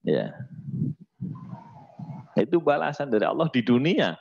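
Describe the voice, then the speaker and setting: A man's voice: mid-range voice, a little slow, vocal fry, husky, dull audio. A male religious teacher giving a lesson with jokes, mixing Arabic recitation with casual, teasing talk. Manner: lively, teasing, mixes Arabic recitation with colloquial speech.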